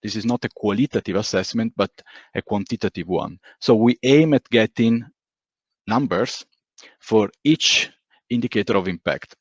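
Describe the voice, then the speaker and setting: In a recorded online meeting, a man with a fairly low voice talks at normal speed through a methodical, explanatory conference presentation. There's no room sound, and the video-call audio is dull and lo-fi.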